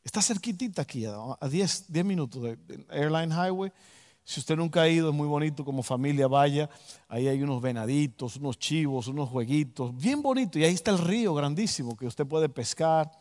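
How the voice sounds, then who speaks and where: Guy preaching, high voice, big echoey hall, acts out the story. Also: brisk, a little mellow. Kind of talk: storytelling sermon. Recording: long hall reverb.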